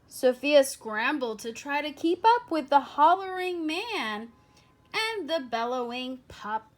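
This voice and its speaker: A high-voiced woman reads a children's picture book as a storyteller, shaping her phrases deliberately and expressively with dramatic emphasis.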